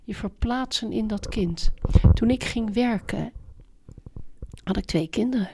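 This interview guest is a middle-aged woman and parenting expert, pressing hard on the subject of child-rearing and circling back to her key points in a conversational exchange. She talks at a measured pace in a fairly high voice with vocal fry, over background noise.

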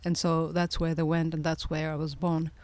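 A woman in her forties from Somalia, a guest on an interview podcast, telling her life story in a reflective way, often restarting her sentences and laughing softly. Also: low voice, level tone, normal speed, no room sound. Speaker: guest, presidential candidate.

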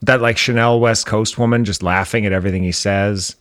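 Dry, dark-humored low-voiced man. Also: fairly even intonation, brisk, smooth, no room sound. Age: 30s. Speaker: podcast co-host. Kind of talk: casual chat.

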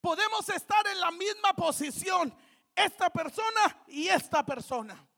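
A woman preacher, delivering a fervent sermon in church, shouting out refrains between joking asides. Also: very high voice, lively intonation, measured pace, creaky.

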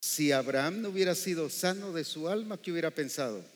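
A man's voice: fairly high pitch, fairly quick. A male preacher delivering a sermon in a church, often quizzing the congregation with rhetorical questions. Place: church hall. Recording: echoey hall reverb.

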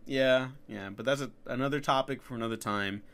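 A man's voice: medium pitch, fairly quick, creaky, fairly bright tone, clear, resonant tone. A man hosting a podcast, with a stuffy, nasal voice while getting over being sick, talking loosely and swearing. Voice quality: nasal from a cold. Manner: loose, swears and laughs often. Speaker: podcast host. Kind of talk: casual chat.

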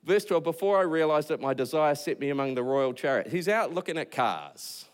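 A man's voice: a little high, lively intonation, fairly quick, clear, resonant tone. A man with a New Zealand accent, a pastor preaching a casual sermon, acting out quotes in a joking, conversational way.

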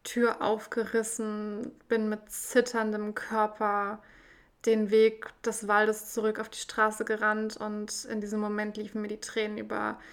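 A woman telling a personal story in a reflective, measured way, with frequent pauses. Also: medium pitch.

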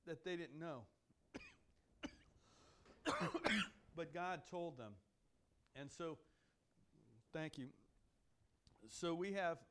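A male preacher with a fairly high voice reads scripture aloud and then breaks into folksy, joking asides. He often repeats and restarts his words. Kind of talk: sermon with Bible reading.

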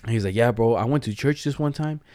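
A man's voice: medium pitch, quick pace, no echo, studio quality. Young man telling stories in loose slang. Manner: animated retelling with acted-out quotes, heavy slang. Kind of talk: casual slangy banter and storytelling.

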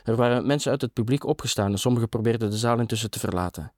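A man's voice: mid-range voice, very fast, a little mellow, dry recording. A middle-aged man narrating a first-person novel in a dramatic, sardonic tone.

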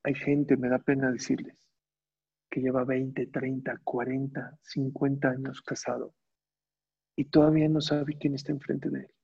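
A man's voice: mid-range voice, flat delivery, a little slow, gravelly, slightly rough. A man giving a religious lecture, asking his audience rhetorical questions and repeating phrases for emphasis. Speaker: Torah teacher. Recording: dull, slightly muffled recording.

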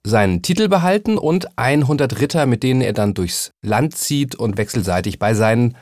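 A man's voice: medium pitch, expressive, moderate pace, a little mellow, no echo, studio quality. A man hosting a book podcast, talking in a chatty, enthusiastic way with the occasional um. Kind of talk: scripted podcast talk.

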